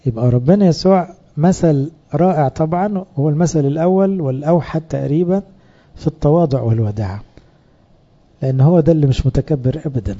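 A man with an Egyptian accent preaches to a room of fellow priests in a relaxed, conversational way, often stopping to pose questions and answer them himself. His voice is very dark and mellow and sits a little high. The recording is somewhat dull and lo-fi. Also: quick pace. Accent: Egyptian Arabic. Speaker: priest teaching other priests. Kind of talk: sermon.

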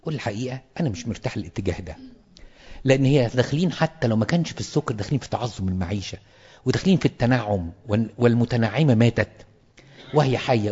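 A quick-talking Egyptian clergyman with a husky, slightly rough voice lectures fellow priests. He presses his points home by repeating them. The sound is dull and carries a long hall echo. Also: medium pitch, a little mellow. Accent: Egyptian Arabic. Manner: emphatic, repeats words for stress.

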